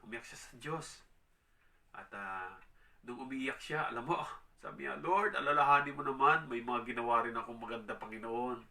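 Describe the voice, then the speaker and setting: A man gives a conversational Bible teaching, often checking in with his listeners and slowing right down whenever he reads a verse. His voice is very bright and forward, and it sounds a little distant, as if he is standing back from the microphone. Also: mid-range voice. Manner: tag questions, reads scripture slowly, dramatizes quotes. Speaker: preacher.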